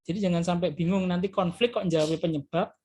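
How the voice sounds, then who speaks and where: A man's voice: sits high, fairly even intonation, quick pace, darkish tone. A male teacher reviewing for an exam, explaining loosely and hesitantly with frequent filler tags and addressing his students as children. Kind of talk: classroom exam review lesson.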